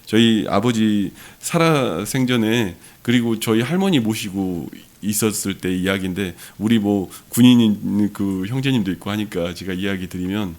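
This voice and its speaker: A man's voice: lowish voice, normal speed, few pauses, a little mellow. A middle-aged man from Jeolla, South Korea, preaching a sermon as pastor, telling a personal story with earnest rhetorical questions to the congregation.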